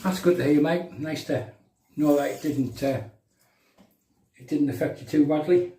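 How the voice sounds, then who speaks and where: Here the shaving-show host, a middle-aged Englishman with a County Durham accent, sounds a little high, keeping a moderate pace. He trades friendly, mellow banter with viewers live while demonstrating his shave. A distant mic picks him up in a large bathroom full of echo.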